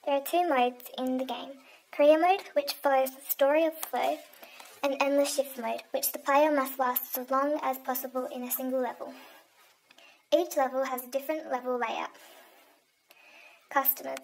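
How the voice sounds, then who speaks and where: A woman's voice: sits high, fairly even intonation, normal speed, low-quality recording. A young woman reading a scripted video game review aloud, evenly, with a few small slips. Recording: faint background noise with clicks.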